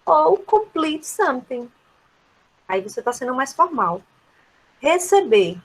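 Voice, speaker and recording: A woman's voice: high voice, very animated, slow pace, rough recording. Brazilian woman teaching English. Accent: Brazilian Portuguese. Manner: explanatory, checks in with "né?" constantly. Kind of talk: classroom lesson.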